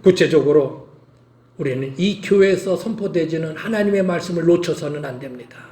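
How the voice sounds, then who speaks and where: A man's voice: on the high side, fairly quick, darkish tone, echoey room. A male pastor preaching a sermon, emphatic and urging his listeners to act, repeating his calls.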